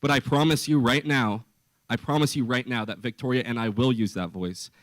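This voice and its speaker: A young man, a student candidate, giving a forceful, impassioned debate speech built on rhetorical repetition. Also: medium pitch, brisk. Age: young adult.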